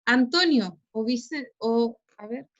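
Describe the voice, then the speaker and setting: A Chilean woman teaches physics over a video call, explaining step by step and checking in with her class after almost every phrase. Her voice sits high, and the computer mic makes it sound dull and lo-fi. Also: slow pace. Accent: Chilean Spanish. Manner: explains patiently, constantly tags phrases with "¿cierto?". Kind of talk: online class lecture.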